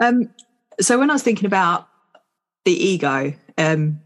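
A woman with a low, deep-set voice co-hosts a podcast. She thinks aloud in an easygoing chat and keeps turning her thoughts into questions. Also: lively intonation, unhurried. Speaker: podcast co-host. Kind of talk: reflective casual chat.

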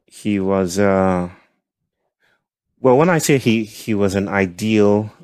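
A man with a nasal voice that sits on the low side. He talks as a podcast guest in a reflective, halting way, pausing often. The recording is dry and close. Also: dry recording. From Nigeria. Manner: thoughtful, halting, with soft laughs. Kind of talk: reflective conversational storytelling.

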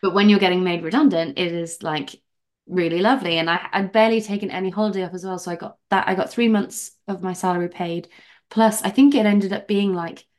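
A young woman from England talks as a podcast guest in a relaxed interview. She tells her story in an animated, chatty way, full of "like" fillers. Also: lowish voice, a little fast. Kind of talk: casual interview chat.

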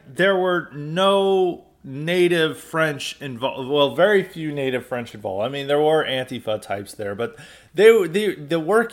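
An American man holds forth alone on his commentary podcast in a mid-pitched voice. He talks loosely, restarts sentences, and leans into a sarcastic, exasperated edge. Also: fairly bright tone. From United States. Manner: loose, conversational, with frequent restarts. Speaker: podcast host. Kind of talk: solo political commentary podcast.

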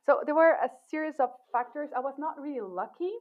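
In a casual interview on thin, phone-like call audio, a woman guest who researches cognitive science speaks in a high-pitched voice at a fairly quick pace. Her answers are thoughtful but full of fillers and frequent restarts.

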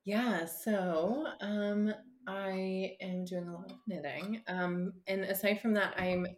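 Appearing as a podcast guest, a woman therapist talks casually with lots of fillers and restarts, laughing easily throughout the conversation. Her voice is mid-range with fairly even intonation and a slow pace.

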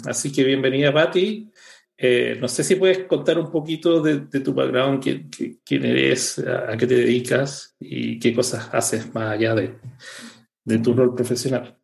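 A man hosts a podcast in an easygoing, casual manner, often restarting his sentences. His voice has a noticeable gravelly fry, at a middle pitch. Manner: relaxed, halting with restarts. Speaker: podcast host. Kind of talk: casual interview chat.

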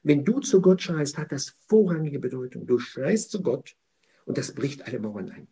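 A man giving a passionate weekly Torah commentary, swinging between quiet explanation and loud, indignant outbursts. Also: mid-range voice, very animated, normal speed.

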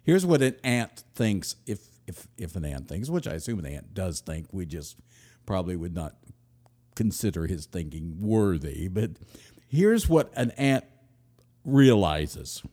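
A man hosting a podcast, telling a comic story in a wry, self-mocking way, swinging between loud and murmured. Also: deep voice, very animated, a little slow. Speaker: podcast host, author.

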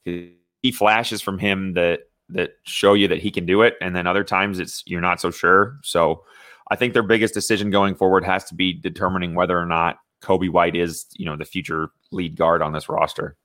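A young man from Indiana with a very low voice talks sports on a podcast. His speech is loose and chatty, full of "you know" and restarts. The sound is dry and close, with no room around it. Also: fairly even intonation, moderate pace, a bit bright, no echo. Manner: conversational, many fillers and restarts. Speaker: podcast co-host. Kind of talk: casual sports talk.

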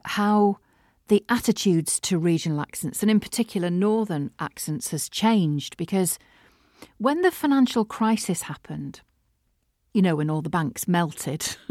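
A middle-aged woman with a Mancunian accent, hosting a casual solo podcast from her studio, chatty and animated. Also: fairly low pitch, dry recording. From Manchester, England. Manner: chatty and animated, laughs often. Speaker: podcast host and voiceover artist. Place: home studio.

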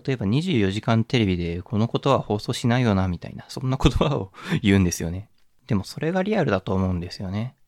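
Male podcast host, lowish voice, dry close mic, thoughtful and rambling. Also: lively intonation, fast, a little mellow, no echo. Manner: reflective, musing, many fillers and restarts. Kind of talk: casual solo podcast talk.

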